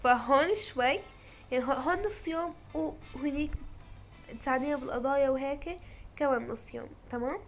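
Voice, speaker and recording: A woman playing a brisk police clerk. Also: sits high. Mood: helpful. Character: helpful police desk clerk.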